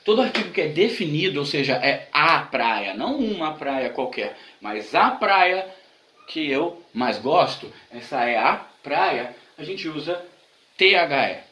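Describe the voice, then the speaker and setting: A man's voice: a little high, sing-song, unhurried, bright, forceful tone, reverberant, low-quality recording. A man from Brazil teaching an online English grammar lesson, explaining patiently and repeating examples.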